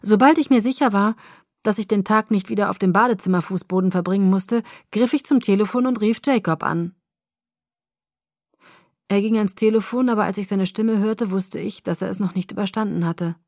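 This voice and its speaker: A woman narrating a first-person novel in a calm, even storytelling voice. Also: mid-range voice, a little fast, no room sound, clean studio sound. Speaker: audiobook narrator.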